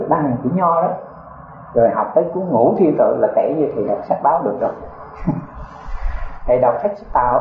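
An older monk giving a folksy, chatty dharma talk full of rhetorical questions. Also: male voice, medium pitch. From Vietnam. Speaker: Buddhist monk teacher. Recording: echoey, tinny phone-like sound with faint noise.

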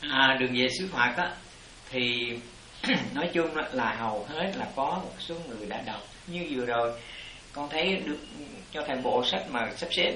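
A man's voice: mid-range voice, animated, normal speed, pushed and bright, echoey room, poor audio. A man teaching as a Buddhist master, explaining to his disciples in a rambling, repetitive way. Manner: rambling explanations, repeats "it" constantly. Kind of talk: dharma talk answering disciples.

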